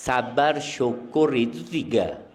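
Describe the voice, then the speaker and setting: A man's voice: mid-range voice, animated, slow pace. Brief: male preacher, sermon with questions to the congregation, echoey hall. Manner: engaging, quizzes the congregation.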